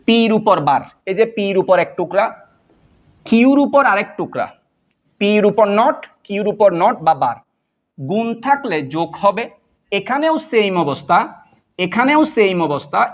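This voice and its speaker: A male teacher working through a math lesson step by step, often asking a question and then answering it himself. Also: sits high.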